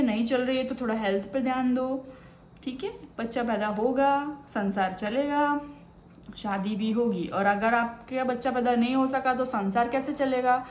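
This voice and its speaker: A woman's voice: sits high, a little mellow, reverberant, slight background noise. A woman doing a tarot reading, talking casually and giving advice, often checking in with the listener. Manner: chatty and advising, often tagging "ठीक है ना". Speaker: tarot reader.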